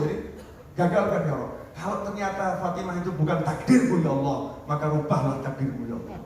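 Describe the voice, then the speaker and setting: A man preaching a lively, joking storytelling sermon. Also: high-pitched, a little hiss or hum. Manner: lively, joking, acts out voices. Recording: echoey hall from far off.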